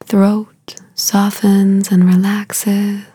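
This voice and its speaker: A woman guides a meditation in a calm, slow manner, her soft, breathy voice offering short phrases separated by long pauses. The pitch is medium and monotone, and there is no room sound.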